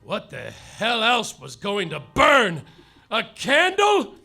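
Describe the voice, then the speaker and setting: Live on a theater stage, a male actor plays a hapless hard-boiled private detective in a comedy radio play, mopily narrating his misfortunes in melodramatic, overwrought noir style. His high voice swings hugely in pitch, slow, creaky, pushed and bright, heavily acted over faint music.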